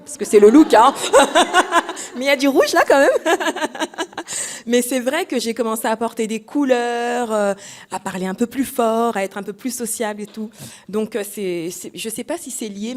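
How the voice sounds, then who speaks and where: A woman's voice: mid-range voice, a little mellow. A woman speaking on a live festival round table, talking candidly about herself with a joking, hesitant, chatty manner. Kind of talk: live panel discussion.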